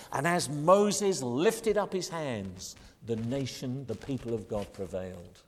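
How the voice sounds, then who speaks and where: Older British pastor, emphatic sermon delivery with slowed stresses; long church-hall reverb. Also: male voice, medium pitch, darkish tone. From Britain. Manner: emphatic preaching cadence, slowing to stress key phrases.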